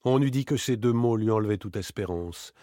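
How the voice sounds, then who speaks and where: A man narrating an audiobook in an expressive, theatrical reading style into a close studio microphone. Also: fairly low pitch, fairly quick, no room sound.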